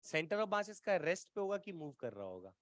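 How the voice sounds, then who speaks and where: A man's voice: a little high, sing-song, normal speed, no room sound, studio quality. A man teaching an exam-prep physics lecture, coaxing and colloquial, often checking whether students follow. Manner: colloquial, playful teasing tone.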